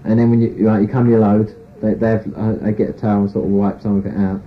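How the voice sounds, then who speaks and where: Man, interviewee, rambling frank account, fast delivery, lo-fi phone-like tape with faint hiss. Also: on the low side, little pitch movement. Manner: rambling, full of "you know" and "sort of".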